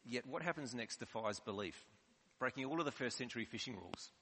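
Male preacher, conversational sermon, bright forceful tone, long reverb. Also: medium pitch, expressive, quick pace, husky.

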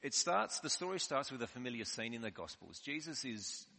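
A man's voice: medium pitch, sing-song, a little fast, creaky, bright, forceful tone. A man preaching a sermon in a conversational, explanatory way. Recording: long hall reverb.

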